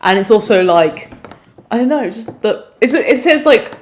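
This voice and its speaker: A woman's voice: medium pitch, expressive, normal speed. A young English woman co-hosting a casual podcast, rambling and self-deprecating, swearing now and then. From England. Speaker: podcast co-host. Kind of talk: casual chat.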